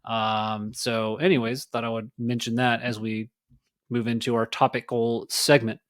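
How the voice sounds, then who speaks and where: A man's voice: medium pitch, flat delivery, a little slow, a bit bright, no echo, studio quality. Rambling man hosting a solo podcast. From Texas. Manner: rambling, conversational, many fillers and restarts. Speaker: podcast host. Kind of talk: casual solo political talk.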